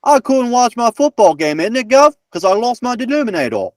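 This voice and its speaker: A hammy, overdone British bloke, as a man puts on the accent for laughs. The voice sits high and leaps around in pitch. It sounds dry and close to the mic. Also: very animated, fairly quick, a little mellow, no echo. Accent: put-on British. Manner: hammy, sing-song clue readings. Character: over-the-top fake British bloke, male adult.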